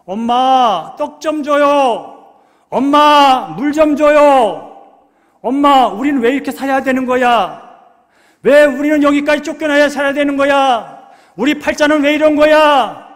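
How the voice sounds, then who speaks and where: Preacher putting on a high, loud, sobbing little boy begging his mother, in a reverberant church hall. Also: measured pace. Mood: pleading, wailing. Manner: wailing, begging. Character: desperate young boy pleading with his mother.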